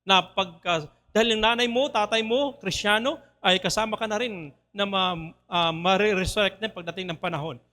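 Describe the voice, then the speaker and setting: High, bright Filipino preacher. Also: male voice, moderate pace, few pauses. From Philippines. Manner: switches between Tagalog and English, asks the congregation questions. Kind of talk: sermon. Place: church.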